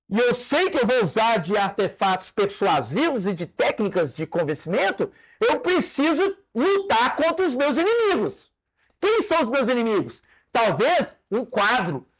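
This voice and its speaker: A Brazilian man preaching a sermon to his congregation, conversational and animated, with jokes and stage demonstrations. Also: extremely high pitch. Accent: Brazilian Portuguese.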